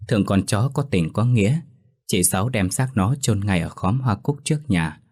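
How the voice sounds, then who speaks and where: A man reading a ghost story aloud as narrator in a steady, grave storytelling manner. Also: on the low side, normal speed, husky.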